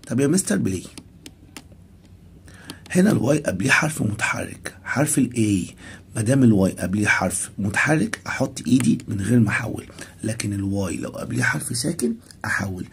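A man's voice: lowish voice, vocal fry, slight background noise. A man with an Egyptian Arabic accent teaching an English grammar lesson to primary pupils. He asks the pupils' questions aloud and answers them himself, repeating each English term and then translating it.

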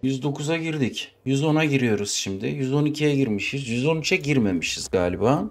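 Jumpy man with a lively pitch. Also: brisk. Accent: Turkish. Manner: jumpy, swearing, talks to himself and the game. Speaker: gaming YouTuber. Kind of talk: horror game let's play commentary.

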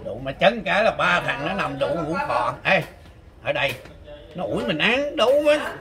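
A man's voice: on the high side, very animated, normal speed. A man with a Southern Vietnamese accent, trash-talking and teasing his opponent over a street chess game, boastful and laughing. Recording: crowd chatter behind.

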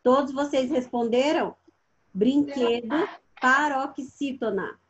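A woman teaching young pupils online. Her voice sits rather high, and she quizzes each child by name with steady patience. The call audio is muffled and lo-fi, with a faint hiss underneath. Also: moderate pace. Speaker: primary school teacher. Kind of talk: online class instruction.

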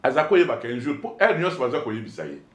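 A man with a Congolese accent, a politician being interviewed, telling his story in an animated, emphatic way and switching between two languages. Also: medium pitch, fast talker. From Democratic Republic of the Congo. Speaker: politician guest. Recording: echoey room.

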